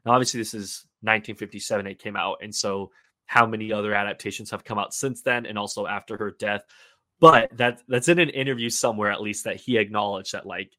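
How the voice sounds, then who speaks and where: A man's voice: on the low side, fairly even intonation, fast, bright, forceful tone, no room sound, studio quality. A man talking as a podcast guest in casual chat, eager and talkative, often restarting his sentences. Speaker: podcast guest, film reviewer.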